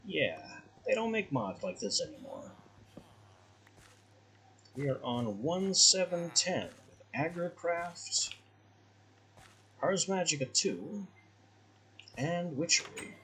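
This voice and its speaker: A man's voice: fairly high pitch, very animated, takes it slowly, long pauses, bright, forceful tone, a little hiss or hum, poor audio. A man giving casual let's-play commentary as a gaming host, musing aloud in a wry, conversational way.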